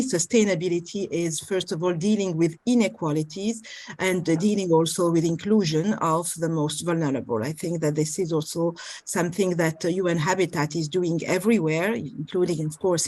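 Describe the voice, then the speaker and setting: A woman speaking as a panelist in a webinar, earnest and often pausing to find her words. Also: fairly low pitch, a little mellow, no echo. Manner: earnest, searching for words mid-sentence. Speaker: panelist, head of a country office. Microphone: video call.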